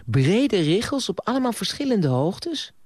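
A man reading an audiobook voices a sharp-tongued, headstrong young woman in a raised, haughty voice. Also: high voice, very animated, unhurried, slightly rough, dry recording, studio quality, voice pushed up, exaggerated voice. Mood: animated.

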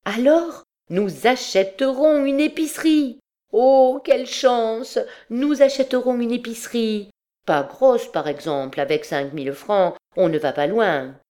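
A woman reading an audiobook, voicing a lively, teasing young working woman who speaks eagerly and playfully. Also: sits low, moderate pace, few pauses, natural voice. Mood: eager, excited.

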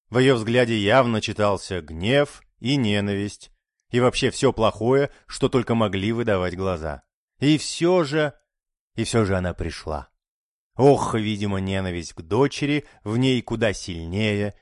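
A man narrating an audiobook in an expressive, dramatic reading style. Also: lowish voice, no echo, studio quality.

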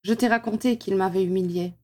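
A fragile young woman who speaks in a halting way, voiced by a woman. Her voice is warm and mellow. This is a read-aloud fan story. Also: mid-range voice, steady tone, lightly acted. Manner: hesitant, halting.

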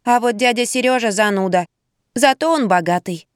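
A woman voicing a chatty, blunt little boy of six in an audiobook, speaking in a high, drawn-out childish way. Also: clear, resonant tone, no echo, studio quality, close to an everyday voice. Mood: chattering.

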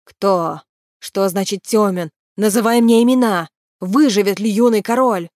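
A woman doing a loud desperate young hero. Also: medium pitch, measured pace, no room sound, studio quality, close to an everyday voice. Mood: demanding. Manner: loud, urgent, demanding.

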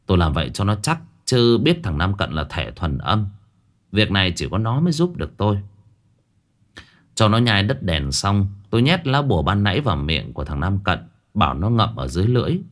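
A man narrating a ghost story in the first person, with an animated, dramatic delivery. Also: fairly low pitch, fairly quick.

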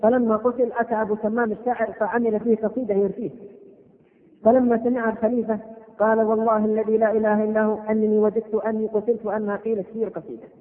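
A fast-talking man delivers a fervent religious lecture and chants lines of verse in rhythm. His voice sits very high. The audio is narrow and phone-like, with a long hall reverb behind him. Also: flat delivery. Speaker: preacher giving a lecture. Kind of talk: religious lecture with recited poetry.

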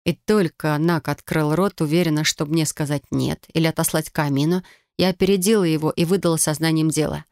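A woman narrating a first-person audiobook with a lively, ironic storytelling manner. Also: sits low, quick pace, no room sound, clean studio sound.

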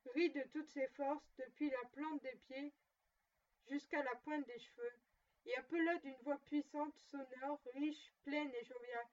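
A woman reading a classic tale aloud with steady, measured narration. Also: high-pitched. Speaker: reader. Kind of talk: storybook reading. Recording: dull distant lo-fi recording.

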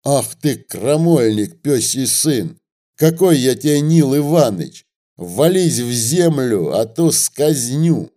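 Man playing drunk fat rebel boss, bellowing, slow and heavy, storybook. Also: lowish voice, sing-song, dark tone. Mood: enraged. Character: drunk, fat, brutish male rebel chief.

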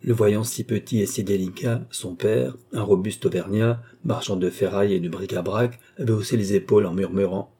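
Low, husky male audiobook narrator. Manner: measured, steady reading. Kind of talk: scripted narration.

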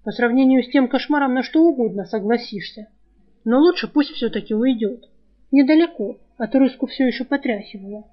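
A woman narrating an audiobook, telling the story in a lively, expressive way. Her voice sits fairly high. The recording sounds slightly dull and lo-fi. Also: a little fast.

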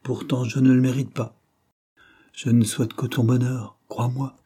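A man voicing a gentle, self-sacrificing young peasant in an audiobook, speaking earnestly and pleading. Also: medium pitch, level tone, normal speed, breathy edge, lightly acted. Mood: pleading, sorrowful.

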